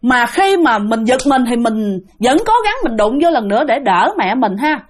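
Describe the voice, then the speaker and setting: A woman's voice: on the high side, lively intonation, moderate pace, slight background noise. A woman telling a ghost story in a chatty way, talking straight to her listeners. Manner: chatty, addresses listeners directly. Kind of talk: spoken ghost story narration.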